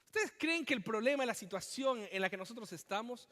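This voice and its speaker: A man's voice: very high-pitched, animated, fairly quick, sharp tone, big-room sound. A male pastor from Chile delivering a sermon in an impassioned, emphatic way, repeating phrases for emphasis. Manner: impassioned, emphatic preaching with repetitions. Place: church.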